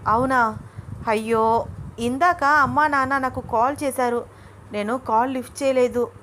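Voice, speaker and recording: A woman voicing a lively, excitable young wife. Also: high voice, a little slow, slight background noise. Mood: excited. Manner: bubbly, excitable.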